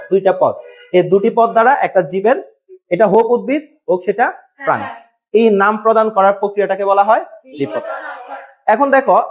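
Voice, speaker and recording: At a board, a high-voiced man leads a biology class, putting questions to his students and then supplying the answers himself. He spells terms out letter by letter, and the lo-fi recording sounds dull.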